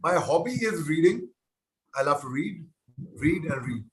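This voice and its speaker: A man's voice: fairly high pitch, expressive, measured pace, a bit bright. A man, a guest answering children's questions on a webinar call, playful and teasing as he talks straight to the kids. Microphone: video call.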